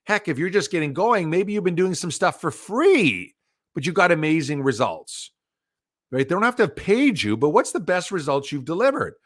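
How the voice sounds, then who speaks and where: A middle-aged man giving a live virtual business talk over a video call, telling stories with lively acted-out quotes. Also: fairly high pitch, normal speed, no echo, studio quality. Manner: animated storytelling, acts out quoted voices. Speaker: business speaker.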